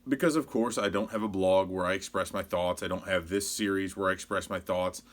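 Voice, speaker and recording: A man in his forties with an American accent and a slightly low voice hosts his own show like a sports blogger. He rambles casually through his opinions in a steady tone, a little fast, sounding exasperated.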